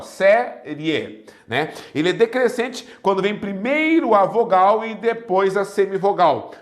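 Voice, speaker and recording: A man with a Brazilian Portuguese accent teaching an exam prep lesson, who keeps checking in with his students and spells out examples syllable by syllable. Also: sits high. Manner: checks in often with the class. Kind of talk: recorded online lesson.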